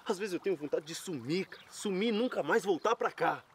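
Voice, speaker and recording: A man's voice: high-pitched, lively intonation, a little fast, slight background noise. Despondent young Brazilian man, water splashing. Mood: desperate, hurt. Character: despondent, lovesick young man pleading with his friend. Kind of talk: telenovela acting. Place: outdoors beside a fountain. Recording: splashing fountain water behind voice.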